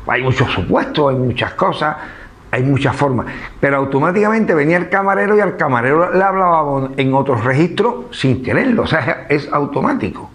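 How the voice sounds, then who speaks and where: A man's voice: fairly high pitch, expressive, brisk, fairly bright tone. A man with an Andalusian accent giving an informal public talk, conversational and full of rhetorical questions. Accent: Andalusian Spanish. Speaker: speaker at a book presentation.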